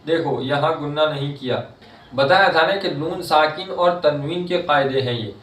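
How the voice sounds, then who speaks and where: A male Quran reading teacher, explaining the rules and reciting each word slowly and drawn out. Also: a little high, a bit bright. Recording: roomy echo, mic at a distance.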